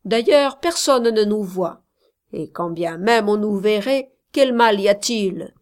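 A woman's voice: medium pitch, slow pace, close to an everyday voice. Woman doing a furious jealous young shepherd. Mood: angry, accusing. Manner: loud, ranting, contemptuous.

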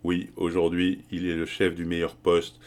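A man's voice: low voice, completely flat delivery, moderate pace, a little mellow, lightly acted. A man reading the part of a scheming young colonial brickmaker who speaks in an insinuating, evasive way.

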